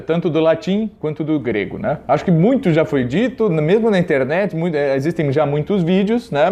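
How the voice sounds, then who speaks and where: A man with a Brazilian Portuguese accent giving a casual video lesson on Latin and Greek pronunciation, hesitant with fillers, reading passages slowly. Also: fairly high pitch, a little mellow. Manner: hesitant, with many fillers and restarts; reads passages slowly and deliberately.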